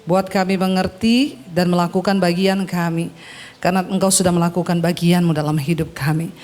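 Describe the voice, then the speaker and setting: A woman's voice: on the low side, fairly even intonation, moderate pace, darkish tone. A woman pastor preaching a sermon to her congregation, exhorting them in call-and-response and mixing casual asides with formal prayer.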